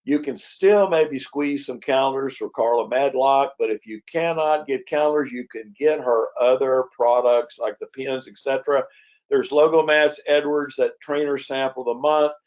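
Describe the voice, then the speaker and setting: A man wraps up his webinar in a quick, rambling flow, tripping over his words and restarting often. His voice sits at an everyday middle pitch. The sound is dull and lo-fi. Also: a little mellow. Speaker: webinar host. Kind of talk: casual webinar wrap-up.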